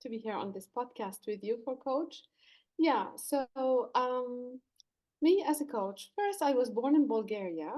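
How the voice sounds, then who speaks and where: A Lebanese woman who works as a leadership coach answers podcast interview questions, earnestly explaining her work with some fillers and restarts. Her voice is a little high and mellow, with lively intonation and a slightly slow pace.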